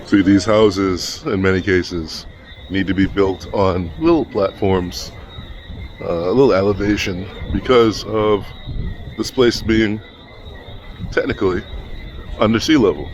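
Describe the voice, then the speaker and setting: A travel vlogger with a low, unhurried voice walks through city streets, chatting loosely and thinking aloud into a handheld camera mic with frequent pauses. It's a casual walk-and-talk vlog recorded outdoors, with street traffic and city ambience audible behind him.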